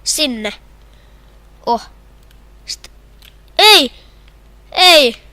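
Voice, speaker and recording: A young woman with a Finnish accent commenting on her own hockey video game match, shouting and groaning at the plays. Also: high-pitched, sing-song, no room sound. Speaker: gamer. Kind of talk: gameplay commentary.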